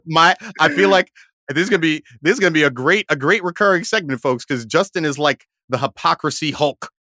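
A man's voice: on the high side, a little fast, no room sound, clean studio sound. A man co-hosting a podcast in casual chat, telling stories with lots of laughter and repeated words. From Haiti. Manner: animated storyteller, laughs often, repeats words. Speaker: podcast co-host.

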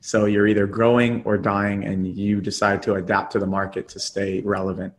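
Upbeat low-voiced male host. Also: flat delivery. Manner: upbeat, praising, quick rephrasing. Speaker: podcast host. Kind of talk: enthusiastic interview hosting.

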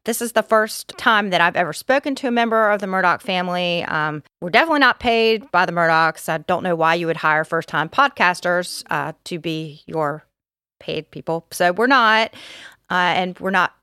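A woman's voice: fairly low pitch, lively intonation, moderate pace, sharp tone, smooth, dry recording, clean studio sound. A woman co-hosting a casual podcast, earnestly explaining herself. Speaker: podcast co-host.

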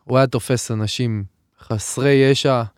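A man's voice: mid-range voice, steady tone, clean tone, no echo, studio quality. A man in his thirties from Israel, co-hosting a podcast in an easygoing, teasing way. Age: 30s. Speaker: podcast co-host. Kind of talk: casual chat. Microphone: studio mic.

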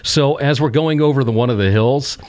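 A man's voice: medium pitch, fairly quick, darkish tone, no echo. A man hosting a casual podcast, chatting and reading out news items with easy laughs. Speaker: podcast host.

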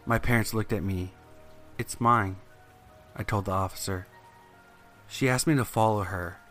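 A man narrates a scary first-person story in a low voice. His delivery is scripted, measured and suspenseful, with music playing underneath.

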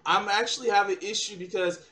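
A man's voice: high voice, steady tone, brisk, crowd noise. A man hosting his channel, mocking and taunting someone in a profane heated argument. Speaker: channel host.

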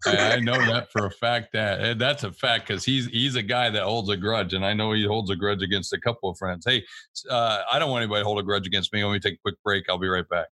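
A male radio host with a bright, forceful, fairly low voice steers an interview and jumps in with quick remarks. The sound is close and dry. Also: fairly even intonation, dry recording. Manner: quick interjecting backchannel, brisk.

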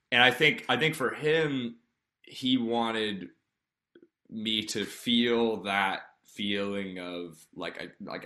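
A man telling a personal story in a candid, earnest way, halting often with fillers and restarts. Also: fairly low pitch, sharp tone.

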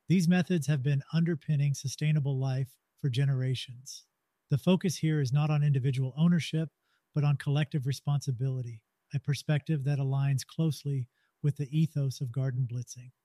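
A man's voice: a little high, dark tone, no echo. A man hosting a podcast, reading a scripted narration in an earnest, explanatory way. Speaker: podcast host.

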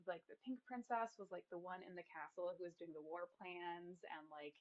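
A woman's voice: lowish voice, steady tone, normal speed, dull audio. A young woman telling a personal story in casual conversation, talking freely with lots of fillers and laughing as she goes. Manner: chatty, frequent "like" fillers, laughs through the telling.

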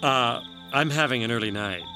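A man's voice: medium pitch, normal speed, over music, lightly acted. An actor playing a wisecracking man from Los Angeles who jokes in a wry, easygoing way. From Los Angeles, USA. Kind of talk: acted drama dialogue.

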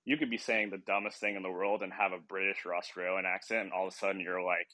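A young man with a lowish voice talks casually as a podcast host. He rambles, pokes fun at himself and laughs a lot. The sound is close and dry, and he seems a bit worn out. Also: flat delivery, fast, bright, forceful tone, no echo. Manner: rambling, self-deprecating, laughs often. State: tired. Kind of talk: casual chat.

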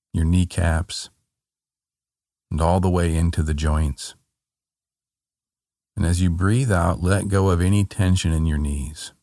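A man guiding a body-scan relaxation in a calm, meditative tone, gently giving short soothing instructions. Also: low voice, dry recording, studio quality. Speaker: meditation guide.

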